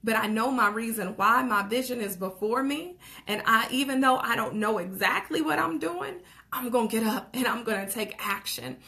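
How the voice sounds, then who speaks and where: A young woman with a slightly high voice delivers a fired-up motivational talk, preaching about goals and action. She repeats calls to act, slips in short laughs and keeps asking "okay?" to check her listeners are with her. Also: normal speed, sharp tone. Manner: laughs between phrases, says "okay?" and "like" often. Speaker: motivational vlogger.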